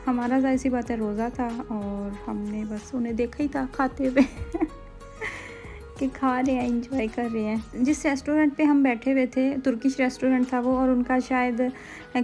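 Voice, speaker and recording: A chatty woman in her thirties with a Pakistani Urdu accent talks over her vlog footage, rambling along with frequent hesitations. Her voice sits a little high but sounds mellow and dark. Soft music plays faintly underneath. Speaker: vlogger. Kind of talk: casual vlog voice-over narration.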